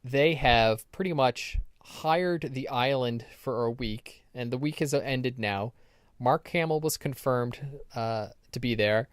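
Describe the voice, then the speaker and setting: A man's voice: mid-range voice, slow pace, clean tone, no echo, studio quality. A man co-hosting a podcast in casual chat, rambling through stories with ums and restarts. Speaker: podcast co-host.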